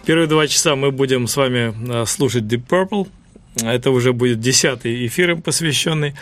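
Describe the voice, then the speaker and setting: A man's voice: medium pitch, brisk. Man hosting a casual radio music show. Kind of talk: casual radio talk, chatty music presenting.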